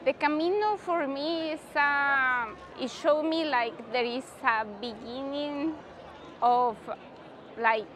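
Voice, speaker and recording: A woman in her forties, a Spanish native speaker, answering a street interview in a city square with careful, slightly halting phrasing. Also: high-pitched, fairly bright tone, poor audio. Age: 40s. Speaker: pilgrim interviewee.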